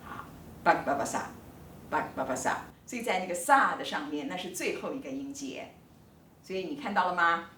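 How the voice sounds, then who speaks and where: A woman professor giving a recorded online lecture, explaining in an animated, emphatic way and stretching words for effect. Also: on the low side, fairly quick, reverberant, far from the mic, slight background noise. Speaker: linguistics professor.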